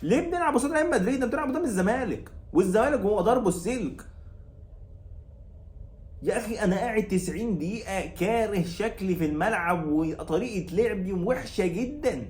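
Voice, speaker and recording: This Egyptian Arabic-accented man runs his own football channel and is furious about a match, ranting sarcastically, repeating his complaints and scolding the coach. His voice is high, expressive and fast, with a darkish tone in an echoey room.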